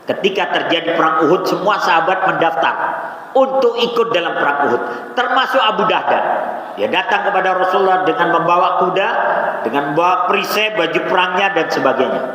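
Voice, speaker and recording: A man preaching at a dawn gathering in a mosque. He tells the story in a lively way, acts out the dialogue and keeps calling his listeners "Pak". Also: high-pitched, a little fast. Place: mosque hall. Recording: very echoey mosque hall, long reverb.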